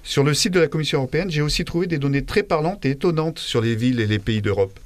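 A man's voice: fairly high pitch, quick pace, no room sound. Jokey guy doing his radio column, dry studio mic, chatty. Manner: jovial, chatty, self-correcting. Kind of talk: radio chronicle with guests. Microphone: studio microphone.

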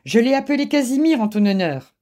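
A woman's voice: a little high, big pitch swings, brisk, dark tone, a little hiss or hum, pitched above the performer's own voice. A woman voicing Rousseline, a headstrong young cat. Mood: firm, bright. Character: young red female cat, headstrong and independent. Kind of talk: storybook reading.

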